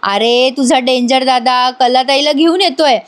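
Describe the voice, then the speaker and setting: A cheeky young sister from a serial recap, playful and quick to tease, as a woman narrator plays her. Her voice runs high and bright.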